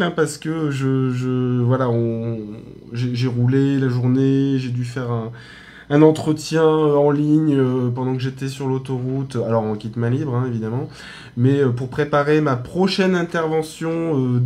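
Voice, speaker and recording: A man's voice: medium pitch, a little mellow. A man with a French accent chats casually on a live stream from a hotel room, his voice in the middle range. He talks loosely with many fillers, restarts and small laughs at himself. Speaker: aromatherapy teacher.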